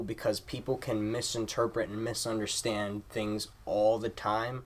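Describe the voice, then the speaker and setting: A man with a fairly low voice delivers an explanatory lesson. His phrasing is formal and measured, and he circles back to restate each point before moving on. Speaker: teacher.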